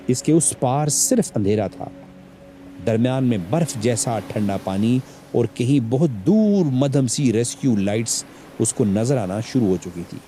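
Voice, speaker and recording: A man's voice: medium pitch, warm tone, slight background noise. A man narrating a tragic story in a solemn, emotional storytelling manner. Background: faint background music.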